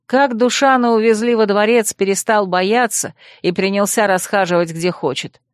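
A woman's voice: mid-range voice, fairly even intonation, moderate pace, no echo, studio quality. A woman narrating an audiobook in the first person, reading expressively.

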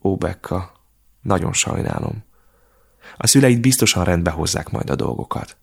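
A man voicing a caring middle-aged aunt in an audiobook, gentle and reassuring. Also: low voice, sing-song, creaky, slightly rough, heavily acted. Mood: soothing.

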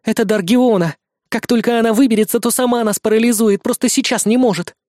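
A man's voice: extremely high pitch, steady tone, fast, a little mellow, no echo, studio quality, pitched above the performer's own voice. A man voicing a cold, pragmatic young woman who urges and commands insistently. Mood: urgent insistent.

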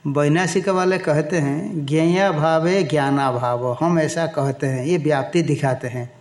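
A man gives a scripture lecture in a slightly high voice. He speaks very slowly and deliberately, chanting lines of verse and then breaking them down for his students. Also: darkish tone. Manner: slow, deliberate explaining, chants verses, chuckles. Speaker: teacher of scripture. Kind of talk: Sanskrit text lecture in Hindi.

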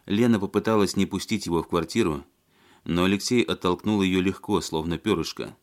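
A man reading an audiobook in scripted narration, measured and even. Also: deep voice.

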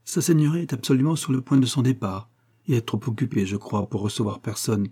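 Guy reading a polite guarded waiter, mellow low-key voice. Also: expressive, a little fast, breathy edge, dry recording, clean studio sound. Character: discreet knowing hotel waiter, a man.

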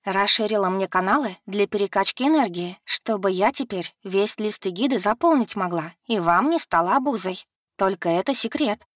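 A woman's voice: mid-range voice, normal speed, a bit bright, no room sound, clean studio sound, lightly acted. A woman voicing a curious young female magic student who asks many questions. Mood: eager.

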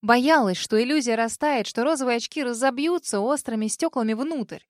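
A woman's voice: a little high, moderate pace, no room sound, studio quality. Woman narrating a dramatic audiobook. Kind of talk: first-person audiobook narration.

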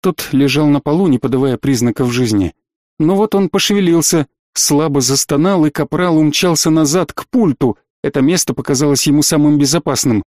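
Man reading an audiobook, steady, slightly high voice, dry close mic. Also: a little fast, no echo. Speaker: audiobook narrator. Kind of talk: scripted narration.

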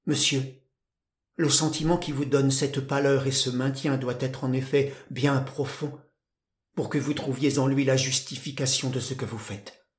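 A man reads a solemn young woman who speaks low and bitter, full of quiet despair. The voice stays close to his own, soft and grave, in a roomy, echoing space. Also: fairly even intonation, normal speed, lightly acted. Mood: composed. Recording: roomy echo.

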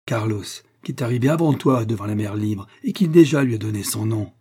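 Man reading an ironic rival explorer, bold, taunting, dark low voice, audiobook. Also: lively intonation, brisk, breathy edge.

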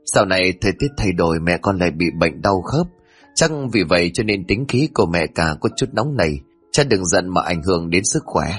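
A man voicing a dutiful young eldest son who speaks gently to calm his father. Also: low-pitched, brisk, breathy edge, soft background music, pitched below the performer's own voice. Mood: soothing. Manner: gentle, soothing.

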